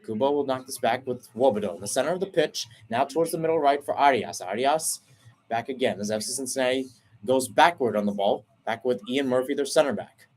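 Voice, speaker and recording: A play-by-play man with a darkish tone narrates a soccer match on radio, steady and brisk through the buildup. He stops to explain tactics, corrects himself now and then, and his pitch shoots up when an opportunity opens.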